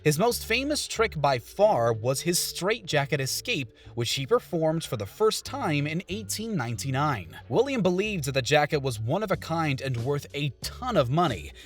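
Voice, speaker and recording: Lively male top ten countdown narrator. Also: fairly high pitch, normal speed, hardly any pauses.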